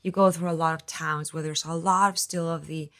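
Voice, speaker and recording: A woman's voice: low-pitched, steady tone, fairly quick. A woman from Spain hosting a podcast interview, talking at length and rambling with restarts. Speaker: podcast host.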